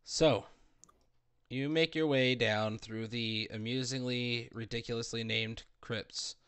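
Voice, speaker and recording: A man narrating as dungeon master of a tabletop game over voice chat, reading descriptions slowly with some stumbles. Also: mid-range voice, steady tone, fairly bright tone, smooth.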